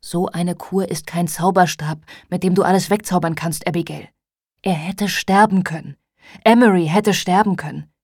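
A woman's voice: on the low side, steady tone, moderate pace, a little mellow, no room sound. A woman reading the part of a worried middle-aged mother, her voice trembling and pleading, in a dry studio audiobook recording. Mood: distraught.

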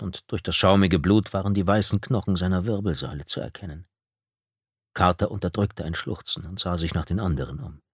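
Male audiobook narrator, lowish voice, steady and measured, dry close-miked studio sound. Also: breathy edge, no echo. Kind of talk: scripted narration.

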